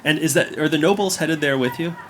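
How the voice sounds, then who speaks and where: A man running a tabletop game as game master, halting with many ums and laughing easily. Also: a little high, fairly bright tone, a little hiss or hum.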